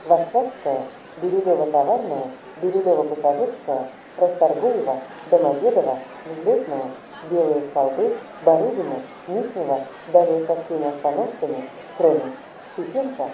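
A man making formal railway station announcements in measured, segmented phrases, in the manner of an airport announcement. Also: fairly high pitch, far from the mic. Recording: muffled, echoey station loudspeaker, noisy crowd.

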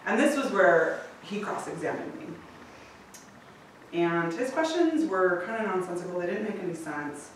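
A woman's voice: lowish voice, animated, moderate pace, slight background noise. A woman telling a personal story to a live audience, candid and swearing freely, laughing often. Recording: echoey room from a distance.

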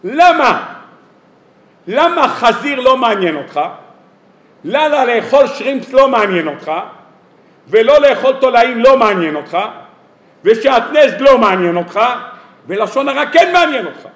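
A rabbi giving a weekly sermon to an audience, lively and humorous, firing off rhetorical questions and acting out everyday dialogues. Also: male voice, very high-pitched, long pauses. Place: lecture hall or synagogue. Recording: echoey hall sound.

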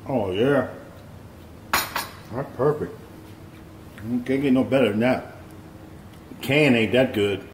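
In a mid-range voice, slowly and with long pauses, a man demonstrates home cooking at his stove, guiding the viewer step by step in an easygoing, folksy style. A camera over the stove keeps his hands in frame, and faint pan noise echoes around the kitchen.

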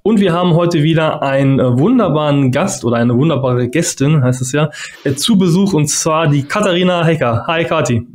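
A man co-hosts a podcast over a video call, speaking into a mic at home. His voice sits a little high for a man, and he talks loosely, with many fillers and self-corrections. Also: brisk, a little mellow. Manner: rambling, many fillers and restarts. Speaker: podcast co-host. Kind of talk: casual interview hosting.

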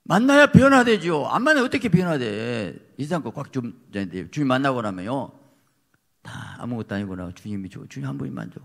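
A man preaching a fiery sermon as pastor, emphatic, swinging from quiet asides to shouted peaks. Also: mid-range voice, very animated, fairly quick, vocal fry. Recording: long reverb of a church hall.

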